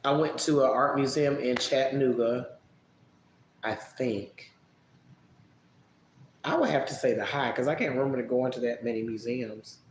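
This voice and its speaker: A man casually answering viewer questions on a live stream, relaxed and chatty, musing aloud as he thinks. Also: mid-range voice, normal speed, long pauses. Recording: echoey room with faint background noise.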